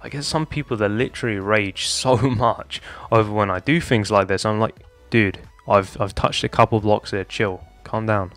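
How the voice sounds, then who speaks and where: With a voice on the low side, a bit bright and slightly hoarse from losing it, a young Minecraft tutorial maker casually explains a build to his "guys." He keeps a moderate pace with few pauses, and faint background music runs throughout.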